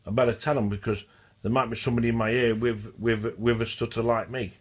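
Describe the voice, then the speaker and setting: This vlogger talks fast in a steady, medium-pitched voice, stuttering through a loose, repetitive monologue to the camera. He often starts phrases over and repeats himself.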